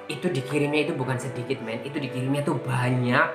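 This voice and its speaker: A man vlogger telling a personal story in casual talk, emotional and animated, acting out what people said. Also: mid-range voice, fast talker. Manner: emotional, animated retelling with acted-out quotes. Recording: echoey room with faint background music.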